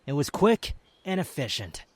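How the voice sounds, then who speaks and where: Man acting as proud young male wanderer, slightly high voice, very lively intonation, haughty, defensive, secretly fond, ASMR roleplay. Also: moderate pace, no echo. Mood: defensive, flustered. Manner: haughty, curt, scornful, defensive. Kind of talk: scripted ASMR roleplay addressed to the listener.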